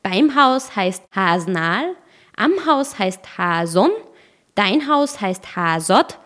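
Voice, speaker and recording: A woman with a mid-pitched voice narrates a scripted explainer. Her delivery is clear and explanatory, with a light playful touch at the ends of points. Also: lively intonation, slow, fairly bright tone.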